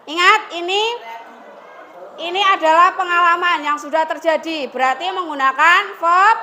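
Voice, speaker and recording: High, bright-voiced woman teacher. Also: moderate pace, slight background noise. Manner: coaxing, prompting students to answer. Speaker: English teacher. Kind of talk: classroom teaching. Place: classroom.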